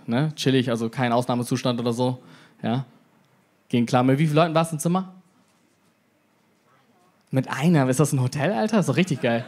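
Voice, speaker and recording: High-voiced german guy in his twenties doing stand-up, slangy, does little voices for the people in his stories. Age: 20s. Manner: brash, slangy, acts out quoted voices. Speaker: stand-up comedian. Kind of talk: stand-up comedy set. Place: comedy club stage with live audience.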